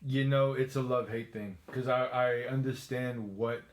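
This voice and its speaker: A man's voice: mid-range voice, steady tone, moderate pace. Easygoing man co-hosting, echoey room. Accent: noticeable accent. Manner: easygoing, laughs often, restarts phrases. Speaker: co-host. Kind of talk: casual chat.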